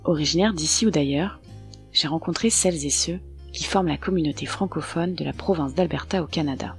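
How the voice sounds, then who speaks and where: A woman hosting a podcast, reading a measured, scripted introduction. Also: deep voice, faint music behind. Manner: measured, even narration. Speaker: podcast host. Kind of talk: scripted narration.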